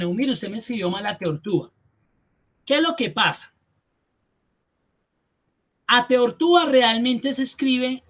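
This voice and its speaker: A man's voice: high voice, fairly bright tone. A man teaching an online spreadsheet class. He explains step by step, repeats key points and thinks aloud. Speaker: spreadsheet course instructor.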